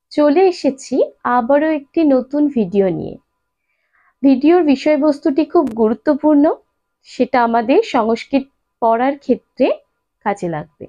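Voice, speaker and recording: A woman teaching a language lesson to her students, patiently repeating and slowly spelling out each sound. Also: high-pitched, warm tone. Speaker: Sanskrit teacher. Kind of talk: spoken lesson addressed to students. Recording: dull lo-fi sound.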